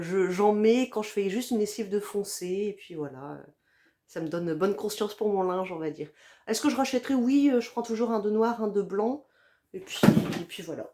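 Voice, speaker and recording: A woman talks in a relaxed, chatty way as she reviews used-up products, stopping often on little fillers. Her voice sits a bit high but sounds warm and soft-edged. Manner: chatty, hesitant with many fillers. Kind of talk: casual chat.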